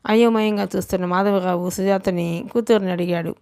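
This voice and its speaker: A woman's voice: mid-range voice, steady tone, a little fast, creaky, a little mellow, clear, resonant tone, no room sound, clean studio sound. A woman reading a novel aloud as an audiobook narrator, telling the story steadily and lightly acting the dialogue. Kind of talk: dramatic novel reading, voicing all characters.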